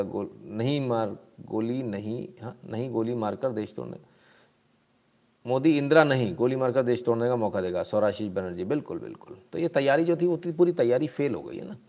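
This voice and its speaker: A man's voice: medium pitch, normal speed, warm tone. A man giving casual, sarcastic live-stream news commentary, mixing Hindi and English.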